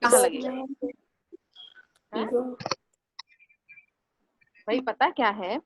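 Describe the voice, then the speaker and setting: A woman teacher leading a grammar class, patiently repeating each word slowly and breaking it into sounds for her students. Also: fairly high pitch, steady tone, low-quality recording. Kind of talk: online class lesson.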